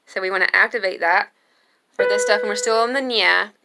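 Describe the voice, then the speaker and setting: A young adult woman giving a singing lesson, explaining slowly and calmly between sung demonstration notes. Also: medium pitch, over loud music. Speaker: singing teacher.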